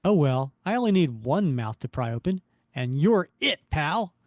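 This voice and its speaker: A man performs a wisecracking comic-book superhero with a lifted, animated voice. He is confident and chatty, often thinking out loud. The sound is dry and close. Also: a little high, moderate pace, no room sound. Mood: cocky. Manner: wisecracking, self-talking.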